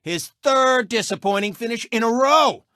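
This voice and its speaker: Heavily acted, an extremely high-pitched male voice with lively intonation and a sharp tone plays a smug cartoon race car turned TV racing commentator. At normal speed he hosts a video game sports show, a brash, theatrical showman throwing out animated commentary and taunts, captured in a dry, clean studio recording.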